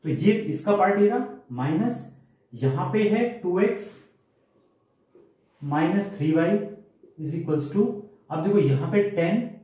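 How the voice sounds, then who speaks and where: Maths teacher in a very echoey room. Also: male voice, fairly high pitch, dark tone. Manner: explains step by step, asks rhetorical check questions. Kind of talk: classroom lecture.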